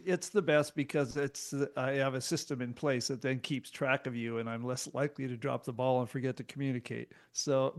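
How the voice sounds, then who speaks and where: A man speaking as a guest on a radio talk show, relaxed and joking. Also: mid-range voice, smooth. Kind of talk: casual radio chat.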